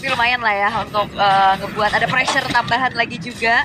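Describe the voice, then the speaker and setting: Female esports caster, high-pitched voice over loud background noise. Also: fairly even intonation, a little fast, recorded from a distance. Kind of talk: esports match commentary.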